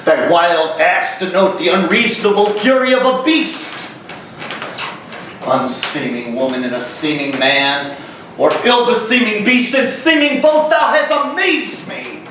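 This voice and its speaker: A man performing a stern, exasperated friar scolding a young man in a slow, declamatory Shakespeare stage monologue. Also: sits high, a bit bright, pitched above the performer's own voice. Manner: theatrical, emphatic, slow deliberate phrasing. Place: large hall, live stage. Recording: echoey hall, distant mic, faint noise.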